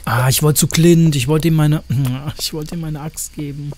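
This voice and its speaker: A man's voice: a little high, steady tone, moderate pace, mellow, slight background noise. Chatty man streaming a farming game. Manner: chatty, joking, crude asides, talks to chat. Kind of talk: casual gameplay commentary.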